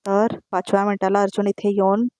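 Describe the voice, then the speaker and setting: A recap narrator voicing a villainous young woman who threatens and bullies, read out quickly with little change of tone. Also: mid-range voice, no room sound, natural voice. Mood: menacing. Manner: read out flatly within the recap.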